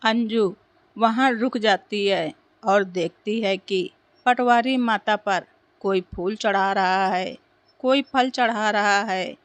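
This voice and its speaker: A woman narrating a moral folk tale in a steady, simple storytelling manner. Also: mid-range voice, no echo.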